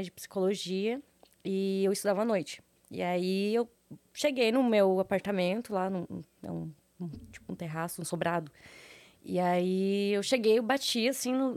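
A woman's voice: medium pitch, a little mellow, dry recording. A woman with a Brazilian Portuguese accent, a guest in a casual interview, telling stories in a chatty way with many fillers and frequent laughs.

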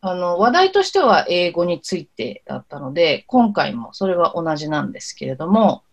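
Guest spot: low-voiced woman, lively melody, measured and thoughtful with soft fillers. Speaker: podcast guest, interpreter and pronunciation consultant. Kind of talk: casual podcast interview.

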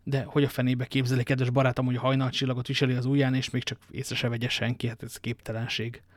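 A man's voice: mid-range voice, completely flat delivery, no echo, studio quality, close to an everyday voice. A man reading an audiobook and voicing Athos, a worldly, ironic musketeer, with a languid manner of telling his tale. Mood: wry.

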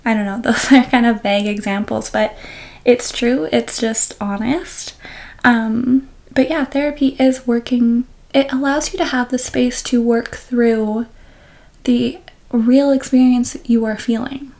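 A young woman hosting a podcast, talking openly and reflectively about her own experience, with soft laughs and restarts. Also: fairly high pitch, fairly even intonation, a little slow. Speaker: podcast host. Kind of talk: candid personal podcast talk.

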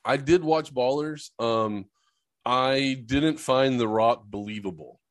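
A man co-hosting a casual sports podcast, trading crude jokes with his friend. He laughs often and swears freely in a loose, offhand way. His pitch sits in the middle range for a man. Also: takes it slowly, dry recording. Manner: joking, laughs often, profane. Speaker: podcast co-host.

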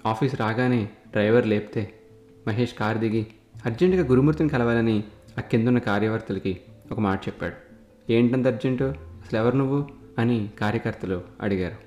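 A man's voice: lowish voice, darkish tone. A man narrating a spoken story in a chatty manner, speaking straight to his listeners, recorded in an echoey room with faint guitar music.

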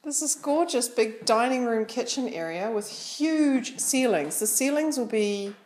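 A woman's voice: fairly high pitch, expressive, unhurried, a little mellow, a little hiss or hum. A woman with a New Zealand accent giving casual spoken commentary as she explores, often exclaiming in wonder. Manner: marvelling, exclamatory.

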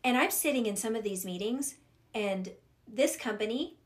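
A middle-aged woman chatting as a podcast guest, expressive and lively as she acts out her own thoughts. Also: on the high side, moderate pace. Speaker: podcast guest, professional coach. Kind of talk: casual conversation.

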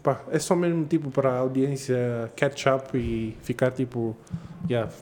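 A man's voice: mid-range voice, steady tone, normal speed, darkish tone. A young man co-hosting a podcast, chatting casually and slangily with friends. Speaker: podcast co-host.

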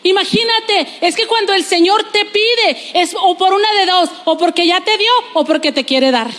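High-voiced woman pastor preaching. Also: moderate pace, in a large hall. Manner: lively preaching with testimony and playful asides. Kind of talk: sermon.

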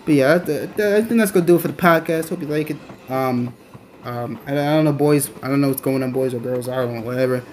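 A man's voice: mid-range voice, quick pace, a little mellow. Rambling young man, faint noisy background. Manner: rambling, many restarts and fillers. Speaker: podcast host. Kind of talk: rambling solo podcast. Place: on his way to a train station.

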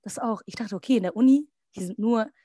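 Young woman, podcast guest, slightly high voice, dry close sound, chatty storytelling with quoted asides. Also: fast talker, no echo. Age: young adult. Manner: lively, quotes others in little acted asides. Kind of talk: casual storytelling.

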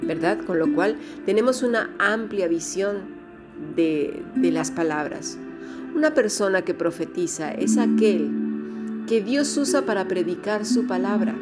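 A woman's voice: mid-range voice, animated, a little slow, loud music behind the voice. A woman teaching an online Bible class, explaining word meanings and often asking rhetorical questions.

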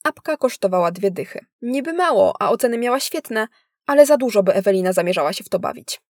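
A woman's voice: medium pitch, lively intonation, quick pace, darkish tone, no echo. Woman reading a thriller, dry close sound. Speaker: audiobook narrator. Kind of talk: scripted narration of a thriller story.

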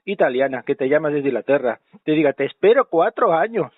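A man's voice: a little high, animated, fairly quick, dry recording. A man playing a rambling, self-important, self-pitying fake doctor on a prank phone call, heard over a tinny phone line.

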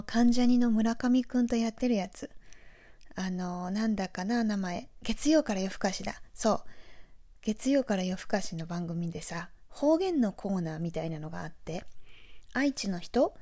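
A woman from Aichi with a Nagoya accent, hosting a podcast in a chatty, relaxed monologue with friendly asides. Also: fairly high pitch. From Aichi, Japan. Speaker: podcast host.

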